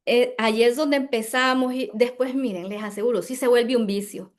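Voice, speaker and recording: Higher-voiced female diction instructor; emphatic, careful teaching delivery. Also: steady tone. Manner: emphatic, demonstrates words slowly and carefully. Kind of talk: teaching a workshop on pronunciation.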